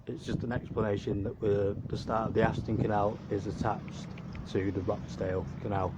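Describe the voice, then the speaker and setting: A man's voice: fairly low pitch, level tone, moderate pace, very noisy. A man, giving rambling, casual commentary as he walks along a city canal. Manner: rambling, chuckling asides. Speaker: canal walk video maker.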